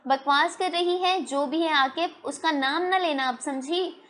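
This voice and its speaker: A woman's voice: sits high, measured pace, a bit bright. A woman voicing a strict middle-aged mother who scolds her daughter, in a storybook reading. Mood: scolding.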